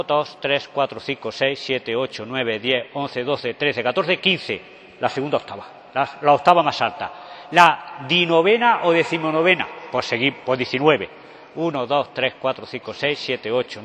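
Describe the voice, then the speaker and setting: A man's voice: on the high side, a bit bright. A man with an Andalusian Spanish accent explains organ history to an audience in a large church, counting out notes and often checking in with "¿vale?". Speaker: organist giving an educational concert. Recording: long church reverb.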